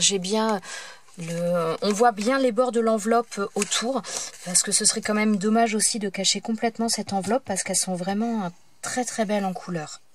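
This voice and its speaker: A woman's voice: mid-range voice, slight background noise. A woman hosting a paper craft tutorial, talking casually and hesitantly, with many fillers and self-corrections as she works at her table. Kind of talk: casual step-by-step craft demonstration.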